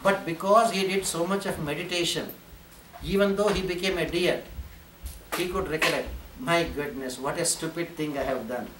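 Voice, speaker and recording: Recorded from a distance in a spacious ashram hall before an audience, this fairly high-pitched Indian man delivers a sermon at an ordinary pace over background noise. Speaking as a spiritual teacher, he preaches with energy, repeats phrases again and again, and chants Sanskrit verses.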